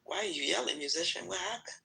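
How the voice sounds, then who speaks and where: Drowsy gravelly man, faint and distant. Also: high voice, expressive, fast, heavy background noise. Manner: drowsy, confused, mumbling. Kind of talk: live chat banter.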